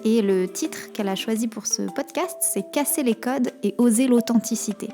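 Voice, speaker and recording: A woman's voice: fairly high pitch, moderate pace, mellow, faint music behind. A woman hosting a podcast interview who asks her guest questions, with a few fillers. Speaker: podcast host.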